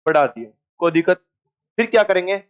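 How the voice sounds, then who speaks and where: A man teaches chemistry to a live class, speaking in a high, bright register. He keeps firing questions at the room and answering them himself, teasing shy students into speaking up. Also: expressive, a little fast, smooth. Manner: joking and coaxing with students. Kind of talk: classroom lecture.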